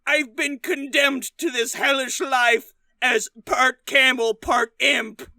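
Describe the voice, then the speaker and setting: A man voicing an angry male skeletal ghost that rides a camel, shouting crude complaints in a raised, strained voice. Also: very high voice, steady tone, slow pace, no echo, full character voice. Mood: bitter ranting.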